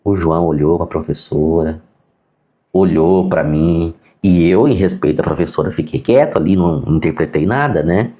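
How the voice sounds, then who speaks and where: A man's voice: low voice, normal speed. A man with a Brazilian accent, a sign language teacher and interpreter, telling stories in a casual lesson and acting out the dialogue. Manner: animated, acts out quoted dialogue. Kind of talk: casual storytelling lesson to viewers.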